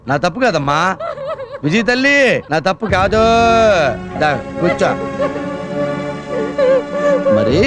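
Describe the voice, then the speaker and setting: An actor playing a bossy middle-aged husband and local politician who nags and lectures his wife, in a film comedy scene. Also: sits high. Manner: nagging, lecturing, mock-pleading. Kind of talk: Telugu film comedy acting. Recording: film soundtrack with background score.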